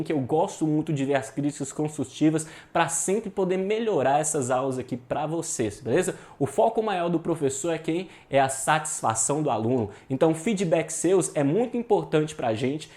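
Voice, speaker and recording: A Brazilian man with a somewhat high voice, running an online exam-prep lecture. He talks to students in an informal, emphatic way, drops slang and swears now and then, and hammers points home by repeating them. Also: darkish tone. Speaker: teacher.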